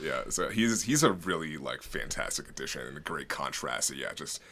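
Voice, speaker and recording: Low, bright-voiced man chatting casually. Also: expressive, normal speed. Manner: rambling, peppered with "like". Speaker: podcast co-host. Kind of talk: casual film discussion.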